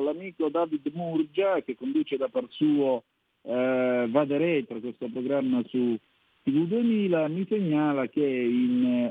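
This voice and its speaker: A man hosts a live radio talk show. His voice is husky and a little high, and his manner is familiar and chatty. The sound is roomy and lo-fi. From Calabria, Italy. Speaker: radio host taking listener calls.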